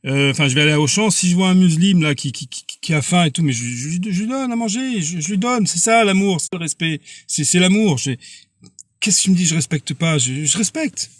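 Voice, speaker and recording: A man preaching on a live stream in a casual, earnest way. His voice sits a little high, and he stumbles and repeats words as he presses his point. The sound is dry and close, with no room around it. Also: expressive, a little fast, no echo.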